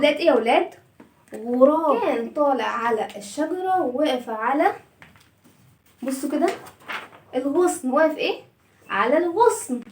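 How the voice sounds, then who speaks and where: Egyptian lady teacher, high voice, singsongy with little kids, asks n answers herself, bit far from mic in an echoey room. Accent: Egyptian Arabic. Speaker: children's reading teacher. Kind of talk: lively lesson for young children.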